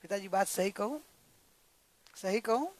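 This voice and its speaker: A man voicing a soft humble daughter-in-law. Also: high voice, fairly even intonation, normal speed. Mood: gentle, humble. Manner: soft, gentle, apologetic.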